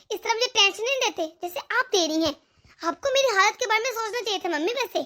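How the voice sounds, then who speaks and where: A woman's voice: very high voice, fairly bright tone. A woman voicing a stubborn, indignant young married woman in a cartoon. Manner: indignant, complaining. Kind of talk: cartoon voice acting.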